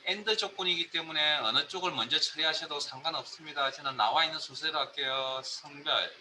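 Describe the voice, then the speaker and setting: A man's voice: on the high side, bright, forceful tone, slight background noise, low-quality recording. A man teaching a spreadsheet class, explaining step by step and quizzing his students.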